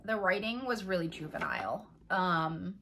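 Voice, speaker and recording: A woman's voice: lowish voice, animated, normal speed, gravelly, a bit bright, slight background noise. A young adult woman chatting casually about books she read, rambling and full of fillers. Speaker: book vlogger. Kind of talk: casual reading wrap-up chat.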